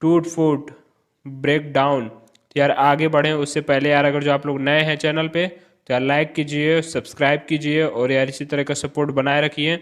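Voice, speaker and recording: A man's voice: a little high, level tone, normal speed. A man hosting an English channel, reading Hindi words with their English match and repeating each pair. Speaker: channel host, English tutor. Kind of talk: vocabulary drill.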